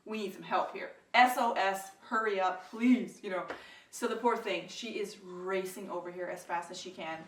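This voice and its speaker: A young woman tells her story in a casual, animated way, raising her voice as she acts out what people said. Her voice sits at a middle pitch for a woman. The sound is roomy, and she is a little away from the mic. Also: moderate pace, far from the mic, a little hiss or hum. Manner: animated, acts out quoted lines with rises in pitch and volume. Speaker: vlogger telling her birth story.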